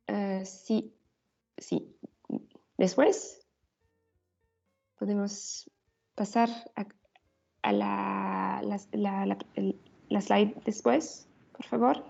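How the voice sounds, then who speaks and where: Slow, creaky woman with foreign-accented Spanish. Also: mid-range voice, fairly even intonation, dark tone, soft background music. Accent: foreign, Italian-influenced. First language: not Spanish. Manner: halting, searching for words in non-native Spanish. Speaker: panelist, energy justice advocate. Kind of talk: live slide presentation. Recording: dull lo-fi online-call audio.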